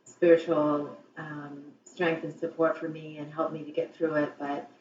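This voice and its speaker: A woman's voice: sits low, little pitch movement, moderate pace, darkish tone, a little hiss or hum. A woman interviewee gives candid, reflective answers that wander a little. Her voice is heard re-recorded through a TV speaker. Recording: echoey, dull, distant TV re-recording.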